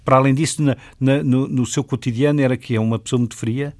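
A man's voice: mid-range voice, steady tone, fast, darkish tone. A man with a European Portuguese accent hosting a radio interview, asking his questions hesitantly with many fillers and repeated words.

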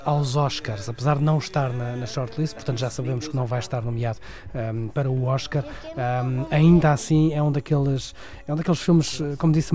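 A man's voice: on the high side, dark tone. A man with a European Portuguese accent giving a conversational, wordy film review, often repeating and rephrasing as he goes. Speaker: film critic.

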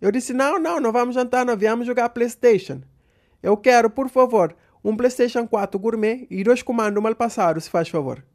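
A man's voice: very high-pitched, brisk, darkish tone. Man telling a comic story, mock-exasperated.

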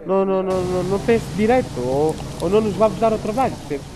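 A man in a casual panel discussion, speaking haltingly and repeating words. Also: high-pitched, background noise. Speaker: panel guest.

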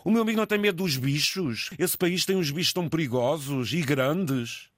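A man's voice: on the high side, normal speed, no echo. A man hosting a live radio phone-in, jovial and teasing with his caller. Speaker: radio host.

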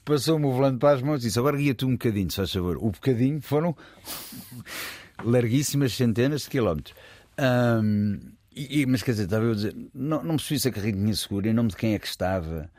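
A guest storyteller with a European Portuguese accent tells a tale in casual conversation, rambling, correcting himself along the way, and chuckling as he talks. His mid-range voice moves fast and is a little mellow. The recording is dry.

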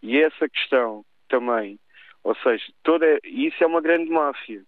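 A man with a European Portuguese accent calling a radio show, giving his views in a halting, stammering but insistent way. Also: medium pitch, dry recording. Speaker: caller. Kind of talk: radio call-in opinion. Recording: tinny phone line.

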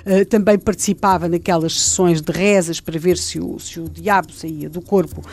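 A woman with a European Portuguese accent retells a historical true-crime case in conversational, dramatic detail, with restarts and fillers. Her voice is fairly low and a little mellow, with a steady tone at normal speed.

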